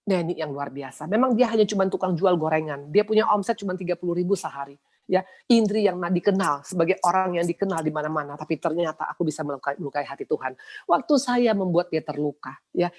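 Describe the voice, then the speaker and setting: A woman's voice: fairly low pitch, quick pace, darkish tone. A middle-aged woman pastor with an Indonesian accent, preaching a sermon in colloquial, emotional storytelling.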